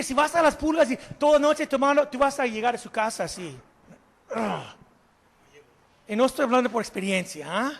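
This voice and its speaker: Man, pastor, high voice, animated sermon, questions to listeners, English words mixed in, long hall reverb. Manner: animated preaching, questions to the congregation; slips English words into Spanish.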